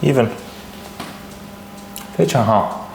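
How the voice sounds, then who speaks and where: A man's voice: mid-range voice, slow pace, gravelly, darkish tone. A man working as a chiropractor, explaining and giving instructions, switching between English and Chinese. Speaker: chiropractor and presenter. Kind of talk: explaining and instructing during a treatment. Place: indoor chiropractic clinic. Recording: echoey, noisy clinic room.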